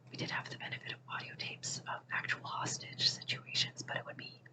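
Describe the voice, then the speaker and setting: A person reading a book aloud for ASMR in a hushed, unvoiced whisper. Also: poor audio. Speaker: ASMR reader.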